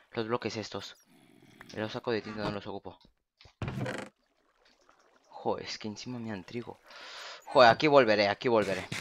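A man's voice: fairly low pitch, fairly bright tone, a little hiss or hum. A young man giving Minecraft let's play commentary, exasperated and repeating phrases in disbelief. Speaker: gaming youtuber.

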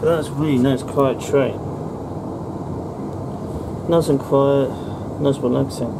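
Railfan man, rambling onboard commentary, loud train noise behind. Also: mid-range voice, steady tone, slow pace, vocal fry. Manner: rambling, with fillers and restarts. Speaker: railfan vlogger. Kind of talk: casual commentary on a train ride. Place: inside a moving passenger train. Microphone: handheld camera.

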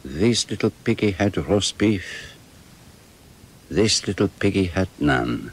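Precise Belgian sleuth, deep-set voice, French accent, theatrical drama delivery. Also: male voice, expressive, takes it slowly, slightly rough, full character voice. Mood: playful. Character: fastidious Belgian male detective, precise, middle-aged.

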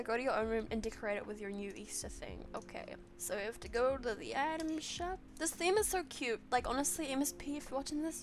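High, giggly young New woman gamer. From New Zealand. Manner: chatty, giggly, excitable. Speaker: gaming channel host. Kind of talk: casual let's-play commentary.

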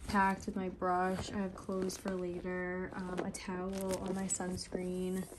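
A woman's voice: on the low side, completely flat delivery, measured pace. A woman in her twenties talking casually to the camera in a vlog, chatty and upbeat, filmed on a handheld phone. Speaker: vlogger. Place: beach outdoors and home rooms. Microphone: handheld phone camera at arm's length. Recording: noisy phone recording.

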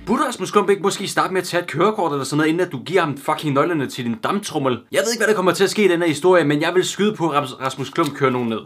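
A man's voice: fairly high pitch, hardly any pauses, a bit bright, soft background music. A man giving crude, sarcastic comic commentary while reading a children's book aloud as a YouTuber.

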